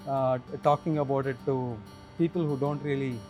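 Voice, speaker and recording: Hesitant man with a mellow voice. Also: mid-range voice, fairly even intonation, normal speed, soft background music. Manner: hesitant, repeats words when starting a thought. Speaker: guest, runner. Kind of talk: conversational interview answers.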